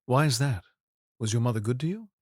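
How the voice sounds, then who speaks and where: An actor in an audio drama playing King Arthur as a troubled, regal and earnest ruler who speaks in formal, measured courtly phrasing. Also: mid-range voice, lively intonation, darkish tone, no room sound, clean studio sound, natural voice. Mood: probing.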